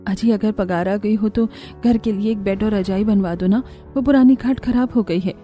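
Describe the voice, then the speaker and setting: A woman's voice: mid-range voice, normal speed, mellow, faint music behind, natural voice. A woman voicing a caring poor mother. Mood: pleading. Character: poor caring young mother, anxious wife. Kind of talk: cartoon voice acting.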